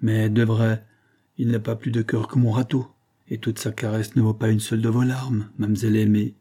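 A man's voice: on the low side, level tone, a little fast, natural voice. A man reading a novel aloud, voicing a big, kindly peasant charcoal-burner who speaks plainly and sighs. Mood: gentle, rueful. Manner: plain-spoken, gentle, sighing. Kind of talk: audiobook reading.

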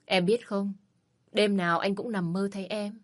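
A woman's voice: medium pitch, fairly even intonation, moderate pace, natural voice. A woman voicing a smug, pushy ex-husband who talks in a wheedling, mocking, overly familiar way in a storybook reading. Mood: leering. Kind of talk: storybook narration.

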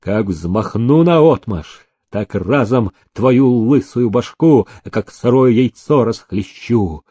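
A man reading an audiobook voices a bold bearded serf who speaks in a steady, booming, commanding voice. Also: slow pace, few pauses, husky. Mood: defiant. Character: bold bearded young serf, fearless and stern.

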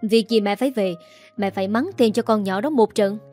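A woman voicing a scornful middle-aged stepmother, a teacher, who scolds in a haughty, shrill way. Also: fairly quick, a little mellow, faint music behind, close to an everyday voice.

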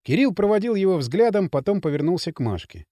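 A man reading an audiobook in an expressive narration style. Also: dry recording, clean studio sound. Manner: expressive reading with quick pitch swings. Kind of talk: scripted narration.

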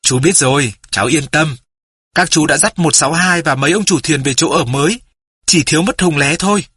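A man voicing a kindly, calm middle-aged uncle in an audiobook, speaking reassuringly. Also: on the high side, a little fast, slightly rough, no echo. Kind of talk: audiobook character voice.

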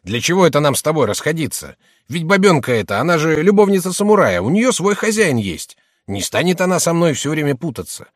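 A man's voice: fairly high pitch, no echo, clean studio sound. A man reading an audiobook, voicing a middle-aged shopkeeper who wheedles and then bullies his wife. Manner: gruff, by turns placating and bullying. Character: rough, boastful male shopkeeper, middle-aged, blustering.

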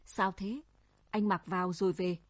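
A woman reading a storybook voices a gentle young village man coaxing a frightened friend home, with a husky voice. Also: mid-range voice, fairly even intonation, normal speed, no room sound, lightly acted. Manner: soft pleading reasoning.

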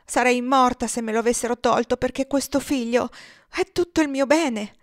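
A woman's voice: on the high side, moderate pace, no echo, clean studio sound, pitched above the performer's own voice, natural voice. Storybook figure: frightened, devoted young mother, read by a woman, earnest and pleading. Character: young runaway slave mother, desperate and devoted.

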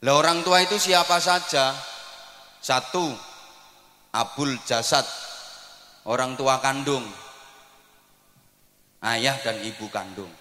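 Male preacher, East Javanese accent, bright and forceful, echoey hall reverb. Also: mid-range voice, takes it slowly, pauses often. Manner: animated, swings from soft asides to shouts. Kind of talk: sermon.

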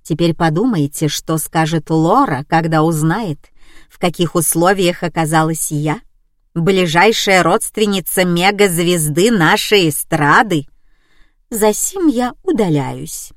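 A woman's voice: on the low side, animated, unhurried, no room sound, clean studio sound. A woman voicing a haughty, pompous older lady who speaks formally. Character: haughty older woman, mother of a pop star.

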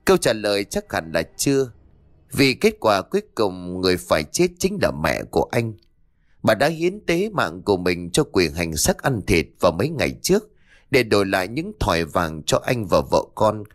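Brief: dramatic male horror narrator, lowish voice, lively swings in pitch. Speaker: storyteller.

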